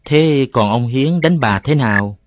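A man's voice: mid-range voice, expressive, measured pace, no echo, voice pushed up, lightly acted. Man doing a curious simple island boy. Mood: earnest.

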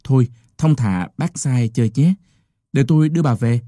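A man voicing a gruff old village midwife who scolds and grumbles. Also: medium pitch, normal speed, mellow, no room sound, studio quality, lightly acted. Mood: grumbling.

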